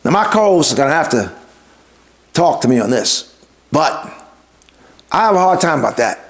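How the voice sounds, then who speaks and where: A man's voice: fairly high pitch, sing-song, moderate pace. A man hosting his show, giving an emphatic opinion monologue, repeating himself for stress and firing rhetorical questions at his listeners. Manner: talks straight to the audience with rhetorical questions. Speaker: podcast host.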